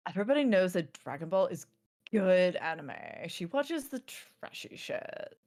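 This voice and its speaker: A woman's voice: lowish voice, big pitch swings, normal speed, darkish tone. A woman chatting casually while playing a game, rambling with lots of fillers. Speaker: game streamer. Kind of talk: casual chat.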